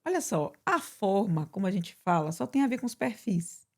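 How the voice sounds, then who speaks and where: A woman pastor with a Brazilian Portuguese accent, preaching in conversation with emphatic, animated delivery. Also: medium pitch, normal speed. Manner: animated, bursts into emphatic quoted prayers.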